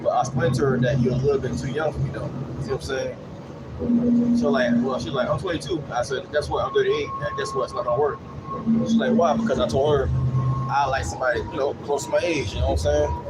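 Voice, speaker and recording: On a city bus, a man in his late thirties vlogs in a fast, level, medium-pitched voice, drifting casually from one anecdote to the next. The monologue is repetitive and improvised, dotted with "you know" check-ins like "you know what I'm saying." Clear vehicle and air noise sit in the background.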